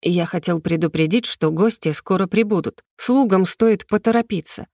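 A woman's voice: fairly low pitch, moderate pace, a little mellow, no echo, clean studio sound. A woman voicing a cold, stern male demon lord who questions his wife in an audiobook. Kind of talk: audiobook character voice.

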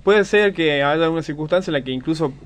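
A man's voice: on the high side, quick pace. A man, a co-host asking curious follow-up questions. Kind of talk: casual interview chat.

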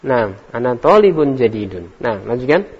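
A man's voice: medium pitch, sing-song, normal speed, husky. A man teaching an Arabic language class, calling on students by name, quizzing them on words and correcting their reading. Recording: echoey hall, dull lo-fi recording.

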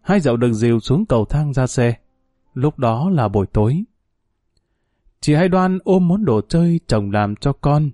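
A man reads a tragic story aloud in a grave, measured way. His voice is dark and mellow. The recording is close and dry. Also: medium pitch, expressive, dry recording, soft background music. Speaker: narrator. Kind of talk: scripted story narration.

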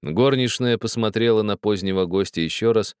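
A man narrating a story as an audiobook reader, with expressive, measured storytelling. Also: fairly low pitch, clean tone, dry recording, studio quality. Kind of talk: scripted narration.

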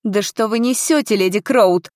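A woman's voice: fairly high pitch, brisk, no echo, clean studio sound, voice pushed up, natural voice. Woman putting on an outraged elderly lady. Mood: indignant. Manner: exclaiming, outraged. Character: indignant elderly lady with an umbrella.

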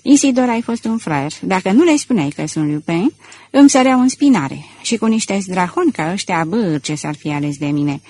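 A woman voicing a mocking gentleman thief. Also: lowish voice, expressive, no room sound. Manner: sneering, playful. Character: gentleman thief, mocking, theatrical, confident man.

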